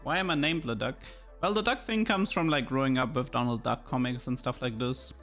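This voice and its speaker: This is casual live gameplay commentary from a German man speaking accented English, chatting, thinking aloud, and frequently repeating words with music in the background. He has a medium-pitched, fairly bright voice and talks a little fast.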